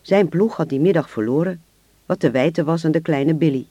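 A man narrating a radio-drama story in a steady, measured way. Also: a little high, slightly rough, no room sound.

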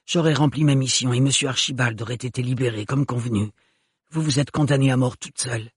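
A man voicing a stiff, cold male steward turned villain, speaking in a hushed, hissing way. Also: mid-range voice, fairly quick, breathy edge, no room sound, studio quality, lightly acted. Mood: menacing.

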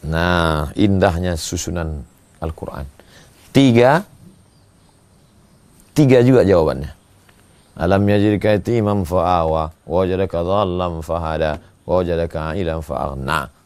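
A man preaching a sermon, moving between slow drawn-out chanting of verses and quick, emphatic scolding. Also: low voice, darkish tone. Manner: gravelly voice. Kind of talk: sermon with Quran recitation.

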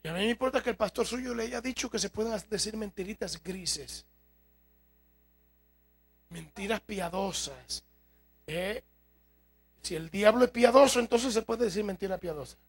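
Male pastor, high voice with rasp, emphatic sermon delivery. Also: normal speed, pauses often. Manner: emphatic, rhetorical questions to congregation. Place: church.

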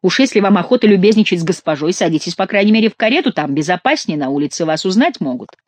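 An audiobook reader voicing a gruff, ever-grumbling male soldier companion who scolds in an irritable tone. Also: mid-range voice, animated, quick pace, no echo, pitched above the performer's own voice, natural voice. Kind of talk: audiobook character reading.

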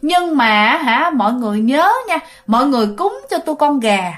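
A woman's voice: high-pitched, lively intonation, normal speed, fairly bright tone. A woman doing a teasing girl ghost, sing-song. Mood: eerie teasing. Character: young female ghost possessing a girl, eerie, playful.

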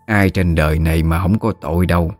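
A man voicing a calm, commanding older female exorcist with a Southern Vietnamese accent. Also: low-pitched, brisk, no echo, soft background music, close to an everyday voice. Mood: firm. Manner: firm, matter-of-fact.

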